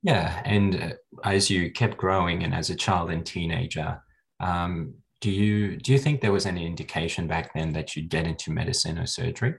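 A man's voice: low voice, steady tone, moderate pace, creaky. A young man who is a medical student, hosting an interview with encouraging affirmations.

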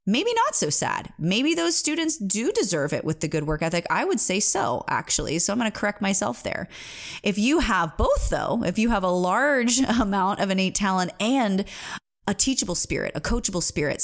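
A woman in her thirties, a singing coach, giving an earnest, emphatic motivational talk with personal stories. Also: mid-range voice.

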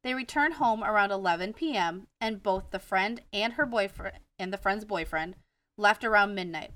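A woman's voice: medium pitch, bright, forceful tone, dry recording, distant mic. A woman with a Wisconsin accent co-hosting a casual true-crime podcast, reading the case from her notes and stumbling over names now and then. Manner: reads from notes, stumbles on names, laughs at herself. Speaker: podcast co-host.

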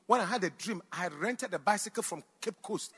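A middle-aged Ghanaian man, a pastor, preaching a storytelling sermon that swings between hushed moments and loud outbursts as he speaks to the congregation. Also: sits high, brisk, breathy edge. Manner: animated, swings from hushed to shouting, addresses the audience directly.

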